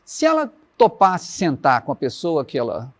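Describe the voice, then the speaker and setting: A Brazilian man, a musician reflecting in an interview and slowly reciting lyrics as he tells stories. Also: a little high, wildly swooping pitch. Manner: warm storytelling, recites his lyrics slowly. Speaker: musician guest.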